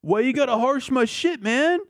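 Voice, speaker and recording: A man putting on a high, lazy surfer dude. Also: animated, normal speed, dry recording, studio quality. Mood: laid-back. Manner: lazy drawl, slangy and profane. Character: goofy young male surfer-dude stoner. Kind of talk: comic impression in a podcast chat.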